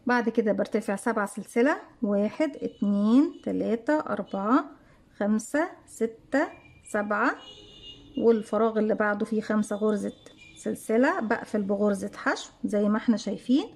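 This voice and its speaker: A woman's voice: medium pitch, normal speed, darkish tone. A woman with an Egyptian Arabic accent teaching crochet step by step, counting stitches aloud and asking and answering her own questions. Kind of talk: step-by-step tutorial narration.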